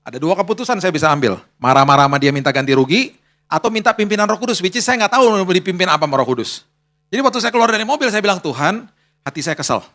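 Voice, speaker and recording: A man's voice: sits high, lively intonation, very fast, fairly bright tone. A male pastor preaching a sermon in a colloquial storytelling manner, repeating his key phrases.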